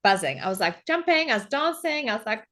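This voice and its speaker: Animated woman guest telling a story. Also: brisk. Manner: animated storyteller, acts out quotes with big pitch jumps. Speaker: podcast guest. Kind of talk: casual chat.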